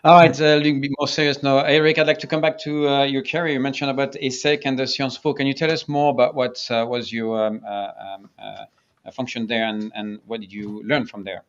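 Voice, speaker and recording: A man's voice: mid-range voice, steady tone, brisk. A man moderating an online panel, playful and joking between his questions to the guests. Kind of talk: webinar panel talk. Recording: muffled lo-fi audio.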